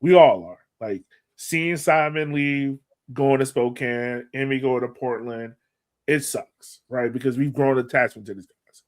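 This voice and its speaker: A man with a medium-pitched voice speaks at a measured pace while co-hosting a soccer podcast. His casual sports analysis uses colloquial language, and he repeats words for emphasis.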